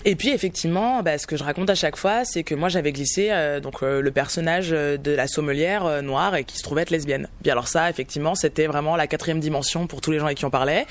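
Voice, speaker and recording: A woman speaks in a candid interview, telling her story in a loose, conversational way. She often pauses on fillers before she goes on. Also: low-pitched. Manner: conversational, hesitant with many fillers. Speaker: screenwriter and documentary maker.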